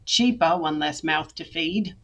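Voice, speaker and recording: A woman voicing a cruel, harsh working-class London mother in an attempted Cockney accent, speaking slowly and coldly. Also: sits low, fairly bright tone. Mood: cold, scornful. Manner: slow, cold, menacing.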